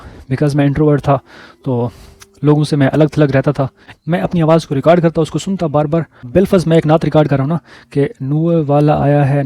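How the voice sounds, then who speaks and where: A man telling personal stories in a casual vlog, relaxed and repeating words for emphasis. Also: fairly high pitch, dry recording. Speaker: vlogger.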